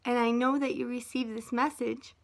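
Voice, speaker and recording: A woman giving a rambling, emotional monologue to her viewers from a half-unpacked house, sometimes dropping to a soft hush. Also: on the high side, little pitch movement, normal speed.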